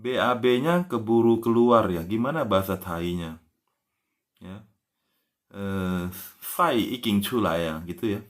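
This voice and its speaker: A man with a fairly low voice gives a relaxed live-stream language lesson. He stretches example words out slowly and spells them letter by letter. Nearly every phrase trails off with a gentle "ya". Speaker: language teacher.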